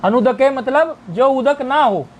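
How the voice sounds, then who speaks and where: A man teaching Sanskrit grammar in a recorded video lesson, explaining step by step, asking and answering his own questions, and reciting word forms slowly in a list. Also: very high-pitched, lively intonation.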